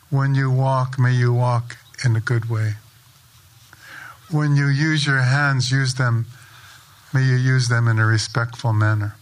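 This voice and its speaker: A man leading a sunrise ceremony outdoors, giving a spoken blessing in a slow, measured, invocational way. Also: mid-range voice. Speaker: ceremony prayer leader.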